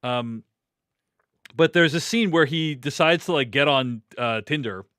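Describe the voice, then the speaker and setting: A man's voice: mid-range voice, a little slow, pushed and bright, smooth, dry recording, clean studio sound. A man hosting a casual movie discussion, chatty and recapping scenes in a loose, conversational way. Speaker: host.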